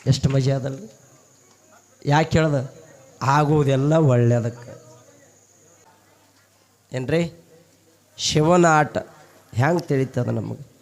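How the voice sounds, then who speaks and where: A man's voice: medium pitch, slow pace, long pauses, darkish tone. A man with a North Karnataka accent telling a devotional story as a sermon, asking listeners rhetorical questions and drawing out key phrases. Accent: North Karnataka Kannada. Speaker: preacher, storyteller.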